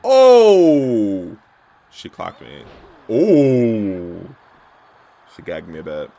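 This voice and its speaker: A man from Canada chatting casually and gossipily while streaming a wrestling video game at home, with sudden loud yelps. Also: a bass voice, steady tone, brisk, vocal fry. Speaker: gaming streamer. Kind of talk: casual commentary while playing.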